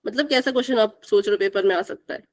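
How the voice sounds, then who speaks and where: A woman's voice: medium pitch, fast. A young woman teaching a live online math class, asking the students questions and repeating the key answers.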